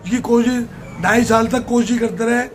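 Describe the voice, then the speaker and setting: An older man answers interview questions in a plain, emphatic way, often saying a point twice. His voice sits high for a man. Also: fairly even intonation, moderate pace, slight background noise. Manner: plain-spoken, emphatic, repeats himself. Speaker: political candidate.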